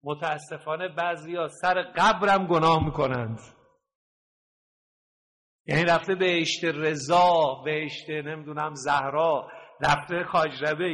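A male preacher with a fairly high voice, rising to forceful peaks and dropping to hushed telling. He lingers slowly over quoted verses. His voice trails off into a long reverb. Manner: swings between loud emphatic peaks and low hushed storytelling; slows and stretches quoted verses. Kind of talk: sermon.

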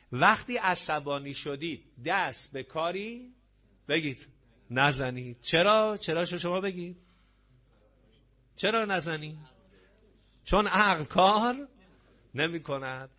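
A man's voice: mid-range voice, bright, forceful tone. A man giving a religious sermon to a gathering, emphatic and full of rhetorical questions. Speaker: preacher. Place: gathering hall with audience. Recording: dull lo-fi audio.

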